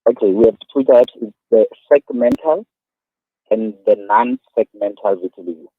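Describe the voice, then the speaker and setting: A man in his thirties with a South African accent, a guest speaking earnestly and haltingly, repeating his words as he explains. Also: on the low side, husky, dry recording. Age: 30s. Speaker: guest, awareness activist. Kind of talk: phone-in radio interview. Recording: tinny phone line.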